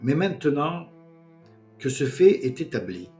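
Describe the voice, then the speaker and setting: A man's voice: a little high, very animated, a little slow, warm tone, faint music behind, pitched above the performer's own voice. Brief: man playing a smug, drawling local, storybook reading.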